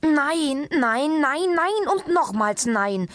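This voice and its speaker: A woman's voice: a little high, very animated, slow, no echo, voice pushed up, heavily acted. A woman voicing an anxious, plump man who complains in a pained, flustered way, in a children's audiobook. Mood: protesting.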